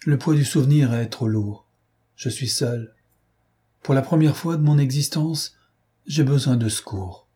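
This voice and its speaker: A man voicing a weary, remorseful gentleman thief in an audiobook, speaking gravely and sorrowfully. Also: mid-range voice, measured pace, pitched above the performer's own voice. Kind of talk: audiobook character voice.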